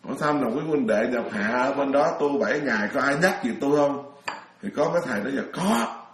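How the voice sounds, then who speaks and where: A man's voice: mid-range voice, fast talker, a bit bright, echoey room. A middle-aged man from Vietnam, a Buddhist monk giving a chatty dharma talk, telling stories with frequent laughs and restarts. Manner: chatty storyteller, laughs often, many restarts.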